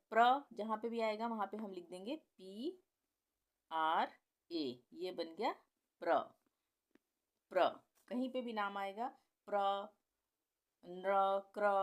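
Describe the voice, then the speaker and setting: A woman teaching the alphabet in a slow, patient way, spelling out sounds and repeating each one. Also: medium pitch. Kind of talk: Hindi alphabet lesson at a board.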